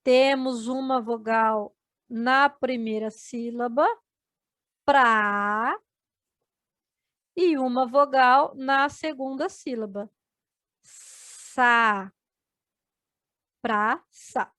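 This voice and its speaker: A woman's voice: fairly high pitch, fairly bright tone, no room sound. A Brazilian woman teaching an adult education video lesson, spelling out words syllable by syllable for her students. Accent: Brazilian Portuguese. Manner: slow, syllable-by-syllable explaining to students.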